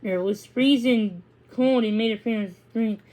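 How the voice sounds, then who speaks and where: A woman with a fairly high, darkish voice reads a children's storybook aloud at an unhurried pace, acting out the dialogue. She now and then trips over a word and goes back to reread it, and the recording is rough.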